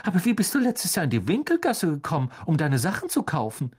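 Storybook mother witch, high and fussing, husky edge, played by a man. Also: huge pitch swings, fast talker, darkish tone, exaggerated voice. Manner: high fluttering worried coaxing. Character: warm fussing motherly witch, middle-aged.

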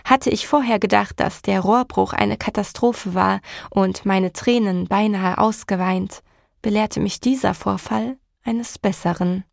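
Gravelly woman reading a novel. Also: mid-range voice, fairly even intonation, no room sound, studio quality. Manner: emotional, measured storytelling. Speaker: audiobook narrator. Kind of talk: first-person novel reading.

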